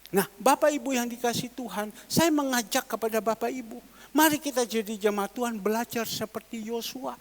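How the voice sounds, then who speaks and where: A male pastor from East Nusa Tenggara, preaching a sermon. He repeats his exclamations and swings from quiet asides to loud declarations. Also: very high-pitched. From East Nusa Tenggara, Indonesia.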